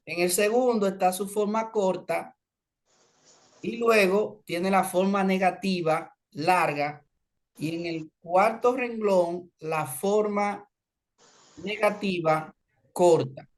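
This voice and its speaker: Slow-woman teacher, low voice. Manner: explains slowly in Spanish, mixes in English examples. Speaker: English teacher. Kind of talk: online class lesson.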